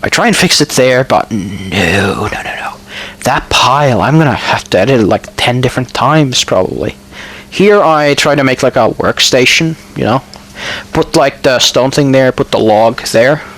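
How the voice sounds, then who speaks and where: Narrating his own in-game building, a gamer from Finland speaks with a Finnish accent, Finnish being his first language. His mid-range, fairly bright voice is animated and normally paced as he rambles, fills pauses with ums, corrects himself, and tosses out dry remarks.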